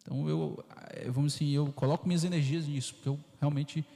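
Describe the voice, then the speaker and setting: Brazilian priest, rough creaky voice, chatty catechism class, keeps asking "né?", long church echo. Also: male voice, fairly high pitch, steady tone, fast talker, warm tone. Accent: Brazilian Portuguese. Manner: conversational, constant "né?" tag questions, acts out inner voices. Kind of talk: informal catechesis talk. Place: parish church hall. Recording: reverberant church hall, flawed audio.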